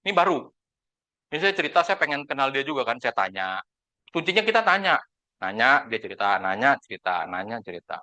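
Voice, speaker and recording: Guy on an insurance team, telling a story, acts out all the convos, bright voice. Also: mid-range voice, a little fast. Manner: animated, acts out dialogue in quoted voices. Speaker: insurance agent sharing experience with his team. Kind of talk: casual storytelling to colleagues.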